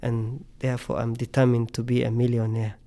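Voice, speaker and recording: A man's voice: mid-range voice, completely flat delivery, fairly quick, mellow. A middle-aged man from Tanzania, a scientist guest speaking earnestly in a podcast interview, often repeating words as he thinks.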